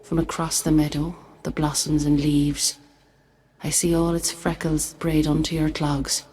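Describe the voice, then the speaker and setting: A low-voiced, mournful ghost woman recites verse in a video game. Her delivery is even and restrained, wistful and deliberate, as if each line weighs on her. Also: a little hiss or hum. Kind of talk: slow, measured verse recitation.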